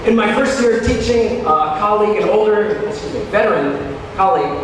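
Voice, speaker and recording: An expressive, high-pitched man, a teacher, gives a motivational keynote to teachers in a large conference hall, emphatic and dramatic as he draws out key words. The recording is distant, very echoey, and noisy.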